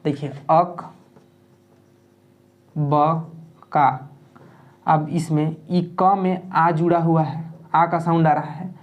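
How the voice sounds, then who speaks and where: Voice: mid-range voice, vocal fry. A teacher giving an exam-prep grammar lesson, who repeats and spells out word parts and keeps checking in with "okay?" while explaining plainly.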